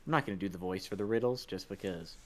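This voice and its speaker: Low-voiced man running a tabletop game. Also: fast, slight background noise. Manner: casual, rambling narration full of fillers. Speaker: dungeon master.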